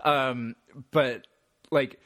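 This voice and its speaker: A man's voice: mid-range voice, steady tone, extremely slow, fairly bright tone, dry recording, clean studio sound. A man co-hosting a podcast, rambling casually about a film and laughing often. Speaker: podcast co-host. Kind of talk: casual chat.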